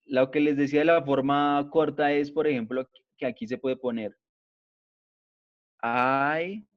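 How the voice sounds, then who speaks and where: A male teacher giving an online grammar class, explaining slowly and patiently and checking in after each point. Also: mid-range voice, steady tone. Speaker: English teacher. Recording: dull lo-fi online class audio.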